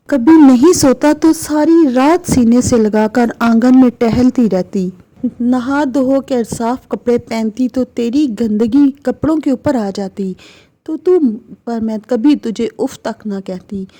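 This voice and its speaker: Storybook figure: elderly mother, played by a woman storyteller, gentle yet firm, on the high side. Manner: soft and patient, turning to firm lecturing. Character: patient older mother, calm then scolding.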